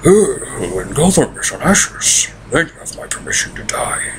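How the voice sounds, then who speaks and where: A man voicing a hulking, menacing masked male supervillain in a slow, exaggerated mock Spanish accent, as a mocking impression. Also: medium pitch, sing-song. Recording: noticeable background noise.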